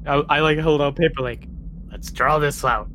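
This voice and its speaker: Male tabletop player, bright forward tone, casual, some background noise. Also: a little high, fairly even intonation, moderate pace. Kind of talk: casual tabletop role-play.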